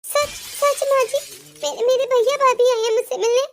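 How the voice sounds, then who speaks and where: A woman's voice: very high voice, fairly even intonation, normal speed, vocal fry. Woman voicing a timid, stammering young bride. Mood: pleading. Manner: stammering, tearful pleading. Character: young abused daughter-in-law, timid and pleading. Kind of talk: cartoon voice acting.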